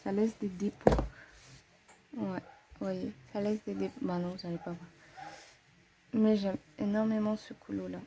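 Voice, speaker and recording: A woman with a mellow, warm voice giving a relaxed show-and-tell to camera. She chats loosely, pauses with fillers and corrects herself mid-sentence. Her pitch sits in a middle range. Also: a little hiss or hum. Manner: frequent hesitations and "voilà" fillers. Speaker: coloring-book hobbyist presenting her collection.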